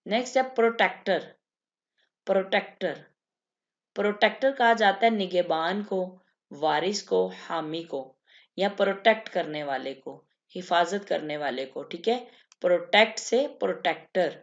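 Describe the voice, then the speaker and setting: A woman teaching English vocabulary, repeating each word and explaining it slowly. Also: lowish voice, dull audio. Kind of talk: vocabulary lesson.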